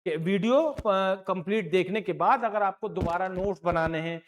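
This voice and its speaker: A man's voice: high-pitched, normal speed, slight background noise. A man teaching a maths lesson online, encouraging his students and repeating each point patiently, with English terms mixed into his explanations.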